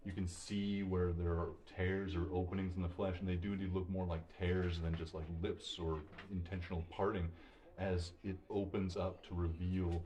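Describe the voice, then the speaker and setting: A man narrating as game master, relaxed and rambling, with lots of fillers. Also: sits low, moderate pace, slight background noise.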